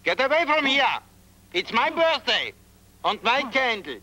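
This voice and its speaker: A man's voice: extremely high pitch, big pitch swings, measured pace, sharp tone, heavily acted. A man voicing a pompous villainous chimp baron who blusters and sulks. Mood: blustering. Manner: blustering, petulant. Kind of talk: dubbed TV comedy.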